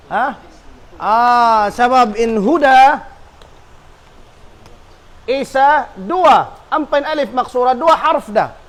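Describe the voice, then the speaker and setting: A man teaching an Arabic grammar class, drilling students with repeated questions and call-and-response. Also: very high-pitched.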